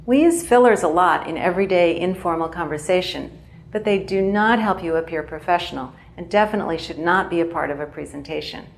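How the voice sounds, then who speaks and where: Low, gravelly-voiced woman teaching. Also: slight background noise. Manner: clear, measured explaining. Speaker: English teacher. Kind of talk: pronunciation lesson.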